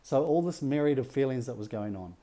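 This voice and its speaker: Male workshop leader, middle-aged, very mellow warm tone, keeps asking his listeners "yeah?". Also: medium pitch, animated, brisk. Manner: checks in with the audience with rhetorical questions and "yeah?". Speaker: relationship workshop speaker. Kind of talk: teaching talk to a group.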